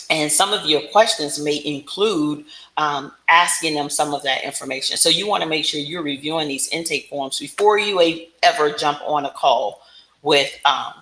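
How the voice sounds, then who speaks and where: This business coach teaches casually on her livestream in a deep, slightly bright voice. She keeps things conversational, often adding check-ins like "right?", and the sound is echoey and roomy.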